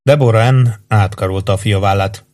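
Calm man narrating a dark story. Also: on the low side. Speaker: audiobook narrator. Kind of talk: scripted narration.

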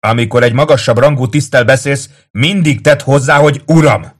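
A man voicing a young, stern Roman centurion giving crisp commands. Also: medium pitch, pitched above the performer's own voice, close to an everyday voice. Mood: commanding.

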